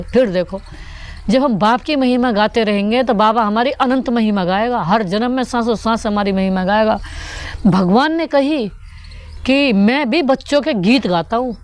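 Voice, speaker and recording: A woman with a slightly high voice gives a devotional sermon explaining the daily spiritual teaching, repeating each point and asking her listeners rhetorical questions.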